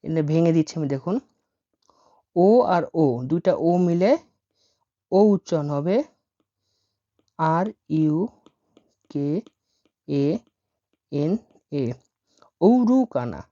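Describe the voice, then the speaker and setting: A woman who speaks Bengali as her first language teaches a language lesson, spelling words out letter by letter and repeating each one slowly. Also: deep voice, steady tone, dark tone. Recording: dull lo-fi audio.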